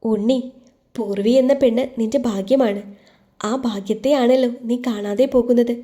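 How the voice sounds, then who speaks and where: Woman reading a teasing easygoing young man in a storybook, mellow voice. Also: a little high, fairly even intonation, normal speed, close to an everyday voice. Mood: joking.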